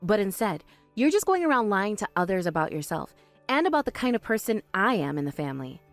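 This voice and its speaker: A woman voicing a calm, sharp-tongued young woman in an animated story, speaking firmly and with dry exasperation. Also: medium pitch, fairly quick, no echo, soft background music.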